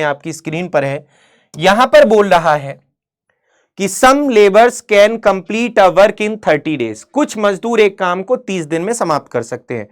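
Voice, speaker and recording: A woman with a voice of ordinary middle pitch gives an online exam-prep maths lesson. She speaks to her students as "beta" and "mere bhai", asking questions and answering them herself. She reads the English wording of each problem slowly, then explains it again. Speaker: maths teacher.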